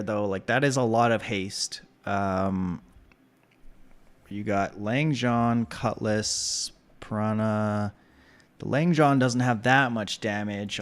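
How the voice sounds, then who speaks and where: A man giving casual, relaxed commentary while he plays a video game, thinking aloud with many pauses and ums. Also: medium pitch, creaky. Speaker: gameplay commentator.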